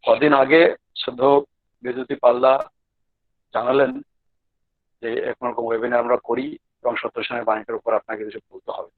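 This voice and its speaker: Male devotional speaker from Maharashtra, humble, halting less-practised Bengali with English words, more used to Hindi and Marathi; dry, band-limited call sound. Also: medium pitch, steady tone, dry recording, phone-quality sound. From Maharashtra, India. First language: speaks Hindi and Marathi more readily than Bengali. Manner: humble, deferential. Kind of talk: informal devotional talk in an online webinar. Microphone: online call. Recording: thin band-limited online call audio.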